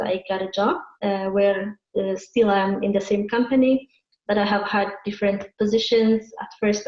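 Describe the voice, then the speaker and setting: Woman from Eritrea, hesitant, flat pitch, dull roomy sound. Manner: hesitant, many fillers. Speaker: guest. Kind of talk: interview answers. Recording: echoey muffled video call.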